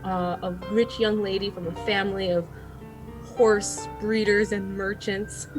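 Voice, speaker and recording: A woman's voice: mid-range voice, fairly even intonation, a little slow, soft background music. Bubbly chatty young woman. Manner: bubbly, chatty, laughs often. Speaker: player. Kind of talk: casual live-stream chat.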